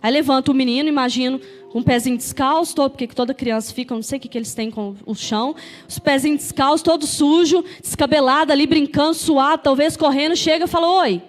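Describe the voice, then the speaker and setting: A woman's voice: sits high, steady tone, quick pace, soft background music. A Brazilian woman pastor preaching a sermon, telling a story vividly and calling the congregation to say amen. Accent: Brazilian Portuguese. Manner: storytelling, calls for amens from the congregation.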